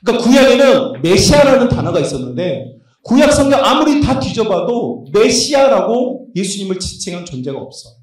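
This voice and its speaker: Animated pastor preaching in an echoey hall. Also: male voice, high voice, fairly quick, far from the mic. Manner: animated, joking, quizzing the congregation; moves around while preaching. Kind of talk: lively sermon at a youth retreat. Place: large church hall.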